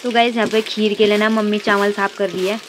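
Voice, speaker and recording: A woman's voice: mid-range voice, little pitch movement, fast talker, background noise. A woman hosting a casual family vlog, chatty and teasing, talking to her viewers. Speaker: vlogger host. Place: family home in the hills, rainy day. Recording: busy household chatter behind.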